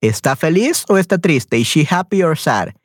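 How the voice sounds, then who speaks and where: A man teaching a language lesson, encouraging a student and slowly repeating questions with English glosses. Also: a little high, very animated, no room sound, clean studio sound. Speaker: Spanish teacher.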